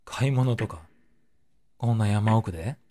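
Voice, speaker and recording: A man's voice: lowish voice, measured pace, dark tone, dry recording. Man reading a horror game aloud. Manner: narrates dramatically, breaks off for joking remarks and laughs. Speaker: streamer.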